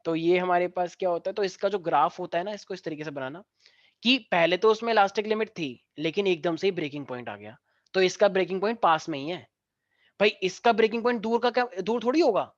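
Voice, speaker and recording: A male physics teacher, teaching a class online, who mixes jokey stories into the lesson and dictates notes slowly. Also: high-pitched, no room sound. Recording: dry, dull lo-fi sound.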